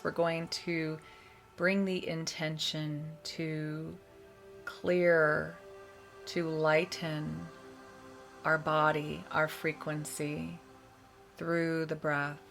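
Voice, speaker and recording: Over meditation music, a woman leads a guided meditation with soothing, measured instructions and long pauses between phrases. Her voice is low and fairly bright in tone, with a flat delivery.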